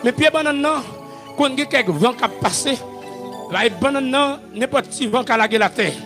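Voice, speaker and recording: A male pastor with a Haitian accent preaching a sermon, shouting and chanting his calls. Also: very high voice, expressive, brisk, music in the background.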